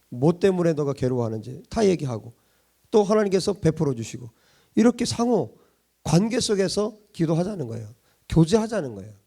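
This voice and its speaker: A man's voice: a little high, creaky, warm tone, slightly rough. A middle-aged man pastor giving a sermon in a conversational style, chuckling often and asking many rhetorical questions.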